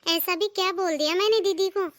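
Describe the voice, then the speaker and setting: A woman voicing a sharp-tongued, jealous younger daughter-in-law in a cartoon, taunting and sarcastic. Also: very high voice, a little fast, no echo. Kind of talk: cartoon voice acting.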